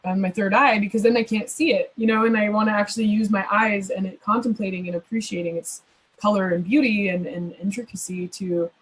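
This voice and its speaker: Woman, husky, medium pitch, rambling, thoughtful, interview guest. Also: fairly even intonation, fairly quick, low-quality recording. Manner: thoughtful, rambling with many fillers. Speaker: astrologer guest. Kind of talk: conversational Q&A answers.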